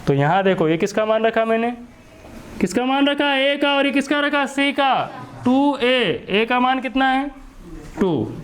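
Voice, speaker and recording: A maths teacher with an Indian accent and a high voice. He keeps asking the class questions and answers them himself. He repeats each step and switches between Hindi and English terms. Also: lively intonation, a little slow, slight background noise. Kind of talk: classroom lesson.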